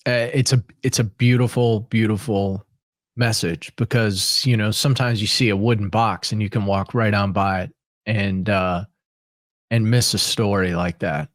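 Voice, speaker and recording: A male podcast host with a low voice, recorded close and dry. He chats casually and warmly backs up his guest. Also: steady tone, no echo. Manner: supportive, quick to affirm. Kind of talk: casual interview chat.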